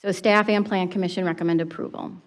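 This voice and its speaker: A woman's voice: fairly low pitch, steady tone, quick pace. City planning director lady explaining a land use change, stops and restarts a bit. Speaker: community development director. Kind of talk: presenting a staff report. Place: council chamber.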